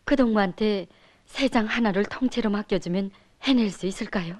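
A woman's voice: medium pitch, normal speed, no echo, close to an everyday voice. An actress with a North Korean accent playing a courteous, businesslike middle-aged woman official in a film drama. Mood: courteous, serious. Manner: polite, businesslike. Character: composed, courteous woman official, a deputy director.

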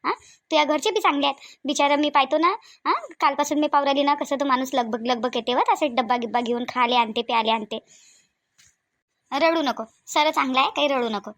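Chatty varhadi aunty in a cartoon, high quick voice, keeps coaxing and repeating, dry sound. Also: female voice, fairly bright tone, no room sound. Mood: comforting. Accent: Varhadi Marathi. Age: middle-aged. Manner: coaxing, fussing, repeats herself. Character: kind older village woman, motherly and talkative. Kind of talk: cartoon voice acting.

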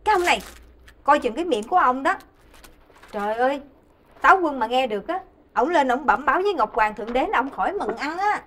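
Nagging, pious wife; fairly high voice, faint noise, stage comedy. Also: female voice, animated, fast. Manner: nagging, then hushed prayerful murmur. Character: nagging, devout housewife.

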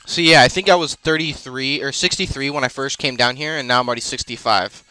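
Bright, clear-voiced man narrating gameplay. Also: medium pitch, fast, dry recording, faint music behind. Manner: rambling, many fillers and self-corrections. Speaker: let's play host. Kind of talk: casual gameplay commentary.

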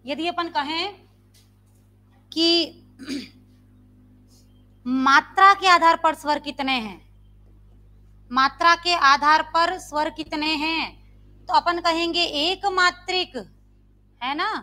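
A woman's voice: very high voice, extremely slow, pauses often. A woman Sanskrit teacher, teaching a live online grammar class and quizzing her students with repeated questions. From India. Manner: quizzing students with repeated questions, demonstrating loud and soft sounds.

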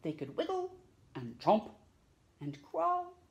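In a small room at home, a middle-aged woman reads a picture book to young children as storytime host, at a slow pace. Her medium-pitched voice swoops wildly as she stretches words theatrically and asks the kids questions, and the high frequencies are cut off.

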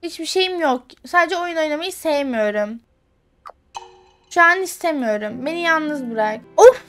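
High-voiced, emotional young woman gamer. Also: expressive, a little slow, a bit bright. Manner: emotional, exclaims and swears at the game, on the verge of tears. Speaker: gaming streamer. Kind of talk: casual let's play commentary, reading game text aloud. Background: faint game music.

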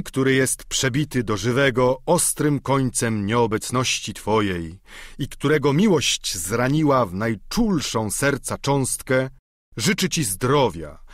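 A man reading a storybook, voicing a solemn, lovesick old knight who speaks slowly and declaims. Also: mid-range voice, a bit bright, no room sound, studio quality. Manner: slow, grave, declamatory. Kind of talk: audiobook character reading.

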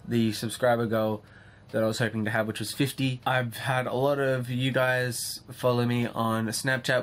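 A man's voice: mid-range voice, a little hiss or hum. A tired, drained young man chatting casually as a vlog host in his bedroom, rambling and swearing freely. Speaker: channel host.

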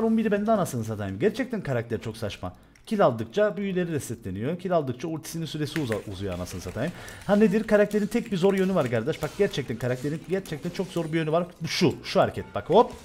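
A young man from Turkey commentating loudly and excitedly on his own gameplay, swearing and shouting at the game. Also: a little high. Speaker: gaming streamer.

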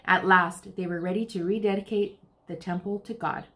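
Fairly low in pitch and at a normal speed, this American woman, roughly in her thirties, reads a picture book with expression as a storytime host. She addresses her words to young listeners.

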